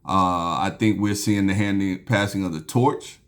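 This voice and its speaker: This basketball podcast host has a low voice and a measured pace. Talking sports by himself, he's loose and relaxed, beer in hand, with frequent ums and restarts.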